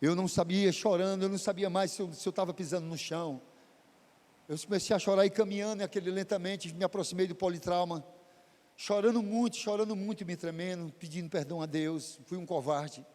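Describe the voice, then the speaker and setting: A man's voice: steady tone, brisk, darkish tone, big-room sound. A man preaching, telling a testimony in a dramatic, emotional way. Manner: emotional, dramatic storytelling with big pitch swings. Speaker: pastor. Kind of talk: sermon testimony. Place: church.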